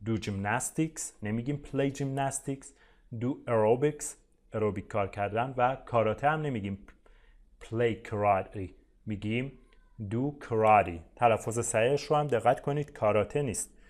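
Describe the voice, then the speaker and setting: A man whose first language is Persian teaches English in an online lesson, voice at an ordinary pitch. He talks to his viewers in a friendly, explaining way, with frequent "uh"s. He says each English example slowly, then repeats it. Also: a little mellow.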